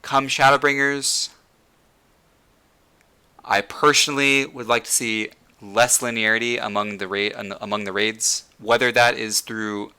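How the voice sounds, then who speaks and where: A man's voice: medium pitch, steady tone, unhurried, bright, forceful tone, clear, resonant tone. A man hosting a casual gaming discussion, rambling with many fillers and restarts, saying he is losing his voice. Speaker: podcast host.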